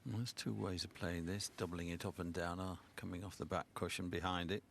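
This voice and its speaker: A man's voice: low voice, level tone, brisk, creaky. A man giving snooker commentary in short, concise summaries of the play. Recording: crowd and room noise behind. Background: snooker hall audience ambience.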